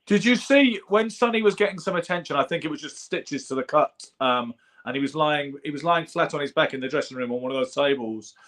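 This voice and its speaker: A man co-hosting a boxing talk show, telling stories in quick, animated bursts. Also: on the high side. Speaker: boxing podcast co-host. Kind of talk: casual boxing chat.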